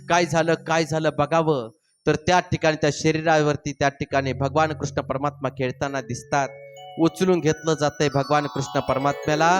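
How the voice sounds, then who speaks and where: Male preacher, Marathi accent, fairly high voice, dramatic storyteller voicing characters, faint music underneath. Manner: dramatic, acts out characters' cries and dialogue. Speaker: kirtan preacher telling Bhagavata story. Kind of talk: devotional storytelling sermon.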